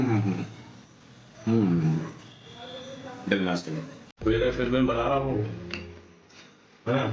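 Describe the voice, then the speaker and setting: A man's voice: lowish voice, darkish tone, roomy sound, dull audio, slight background noise. A man casually chatting as he cooks, mixing in English phrases and humming or singing bits of song. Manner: chatty, mixes Hindi with English phrases, sings snatches while cooking. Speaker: vlogger cooking at home. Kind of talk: casual cooking vlog chat. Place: home kitchen.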